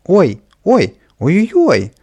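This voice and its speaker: A man voicing a mischievous small male imp in a children's storybook, shrill and boastful, sliding into whining. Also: animated, moderate pace, mellow, lightly acted. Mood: wailing. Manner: shrill, boastful then whimpering.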